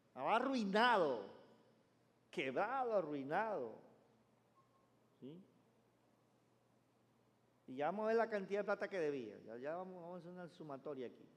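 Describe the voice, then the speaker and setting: A man preaching a sermon, calling on the congregation to repeat words after him, swinging between loud emphatic declarations and low asides. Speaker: pastor. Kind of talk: sermon with call-and-response reading. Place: church sanctuary. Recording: church hall with long reverb.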